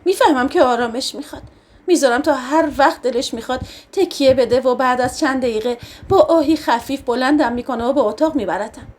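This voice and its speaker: A woman narrating a novel in the first person for an audiobook, reading in an emotional, expressive way. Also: sits high.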